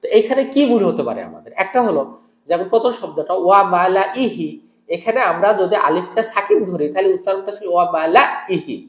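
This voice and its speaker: A man with a Bangladeshi Bengali accent leads a recitation lesson, modelling each word slowly and repeating it several times for students to follow. His voice sits high for a man. The room adds a noticeable echo. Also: sing-song. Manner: slow, drawn-out syllables when modelling recitation. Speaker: Quran recitation teacher. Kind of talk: tajweed lesson with call-and-repeat drills. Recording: echoey room.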